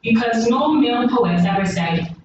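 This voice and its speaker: A woman from Ghana, a poet on a panel, speaking earnestly and searching for words with many pauses. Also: fairly high pitch, lively intonation. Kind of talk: reflective panel discussion. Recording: distant mic in an echoey room, muffled, noisy.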